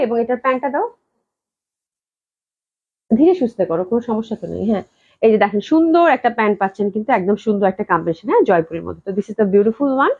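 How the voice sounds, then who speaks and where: A woman from Bangladesh runs a live clothing sale, talking fast in a fairly high voice. She repeats prices over and over and mixes English phrases into her chatter. The audio is dull and lo-fi, as from a live stream. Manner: talks slowly on purpose to hold back a cough.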